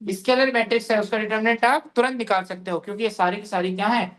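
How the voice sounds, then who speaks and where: Teacher, male, fairly high voice, classroom drill style: repeats, quizzes, answers himself. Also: steady tone, quick pace, fairly bright tone. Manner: drilling, asks questions and answers them, repeats phrases; calls students "beta". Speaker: math teacher. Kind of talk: classroom lecture. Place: classroom with a board.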